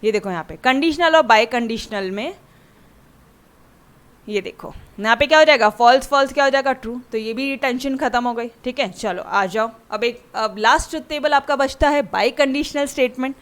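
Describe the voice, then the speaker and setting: A woman's voice: fairly high pitch, normal speed, fairly bright tone. A woman maths teacher giving a chatty classroom lecture that mixes Hindi and English and keeps checking in with her students.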